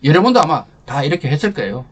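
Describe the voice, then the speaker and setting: An older man with a husky, slightly higher voice tells a personal war story to teach leadership. His delivery is lively and emotional, rising with feeling and then dropping to a near hush. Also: fast talker. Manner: emotional storyteller, animated swings from loud to hushed. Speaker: lecturer and channel host.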